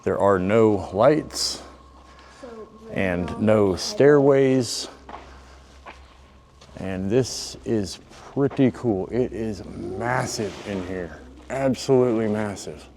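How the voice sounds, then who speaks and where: A man's voice: fairly low pitch, darkish tone, slight background noise. A man vlogging while hiking with his daughters, talking casually and with amazement inside a large undeveloped cave, his voice carrying a cave echo. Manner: easygoing, amazed tour-guide chatter. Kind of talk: casual outdoor vlog narration.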